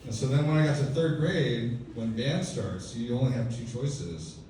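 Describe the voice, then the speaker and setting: Onstage at a comedy club, a fifties-aged comic from Texas, USA, delivers dry stories at his own expense, full of casual fillers, in a warm, medium-pitched voice at normal speed. The sound is echoey from a far-off mic, with slight noise and the crowd laughing.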